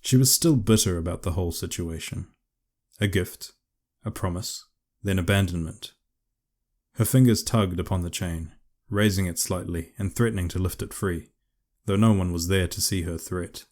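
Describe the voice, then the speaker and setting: Deep-voiced male audiobook narrator. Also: normal speed, a little mellow. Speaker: author and narrator.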